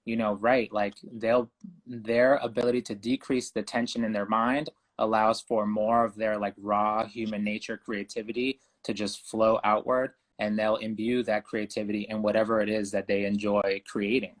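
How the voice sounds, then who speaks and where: A young man from Ecuador speaks as a guest in an interview, calm and earnest. His voice sits low and stays fairly even in pitch, unhurried and reflective. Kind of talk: conversational interview.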